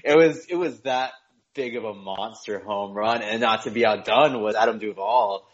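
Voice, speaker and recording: A man with a lowish voice co-hosts a podcast, talking eagerly and cracking small jokes. His delivery is casual and chatty. The recording sounds dull and lo-fi. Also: normal speed. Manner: enthusiastic, chatty, jokes and self-censors. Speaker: podcast co-host.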